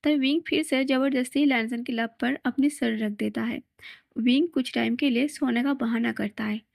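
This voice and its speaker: A woman's voice: on the high side, steady tone, moderate pace, creaky, darkish tone, no room sound. A woman casually retelling a fan fiction story in a plain, conversational way.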